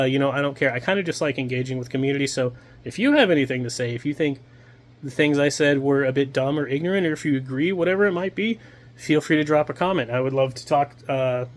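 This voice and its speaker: Sick, nasal-voiced man reviewing a game. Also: medium pitch. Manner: chatty, frequent ums and uhs. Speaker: game video creator. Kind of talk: casual video game review.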